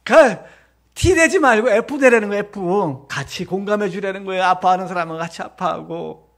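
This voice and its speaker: A middle-aged man preaching a Sunday sermon as pastor, animated and joking, often mimicking other people's voices. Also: high voice, moderate pace, creaky. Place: church sanctuary.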